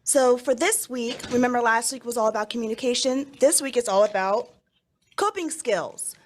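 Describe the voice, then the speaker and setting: A woman's voice: a little high, normal speed, slight background noise. A woman teacher explaining things to young children in simple, instructive phrases during a school announcement.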